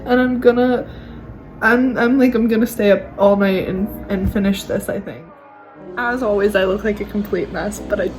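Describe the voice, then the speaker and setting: Young woman gushing about books at home, keeps trailing off, music playing loud behind her. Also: medium pitch, poor audio. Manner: gushing, excitable, trails off and restarts. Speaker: book vlogger. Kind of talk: casual reading vlog. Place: at home indoors.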